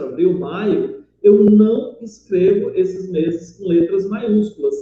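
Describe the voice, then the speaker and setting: A man's voice: high-pitched, dark tone. Guy teaching grammar, keeps checking "got it?", super echoey room, kinda muffled. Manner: explanatory, checks in often with "tá?". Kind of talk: recorded online grammar lesson. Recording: very echoey, dull lo-fi room recording.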